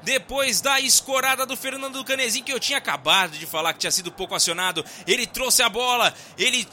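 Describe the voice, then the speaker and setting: A Brazilian man doing explosive football goal commentary on the play-by-play, excited and emphatic with names. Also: extremely high pitch, fast talker, slight background noise. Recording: loud music bed under the voice. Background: loud background music.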